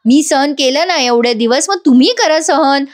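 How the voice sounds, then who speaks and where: A woman's voice: sits high, moderate pace, voice pushed up, natural voice. A woman voicing a demanding young wife in a retold soap scene, insistent and giving orders. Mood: bossy.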